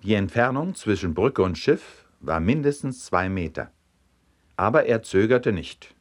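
A man narrating short jokes aloud in a lowish, expressive voice. His intonation moves widely, keeping each anecdote animated. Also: a little slow. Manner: expressive storytelling.

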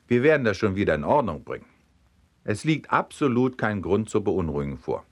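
A smug plumber talks in a calm, low, reassuring voice, as a man reading a comic tale puts him on. The storybook figure sounds unhurried and sure of himself. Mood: soothing. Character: soothing, smug male plumber.

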